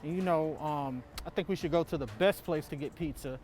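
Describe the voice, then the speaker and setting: A man's voice: fairly high pitch, brisk, a little mellow. Playful man bantering on camera. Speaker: videographer.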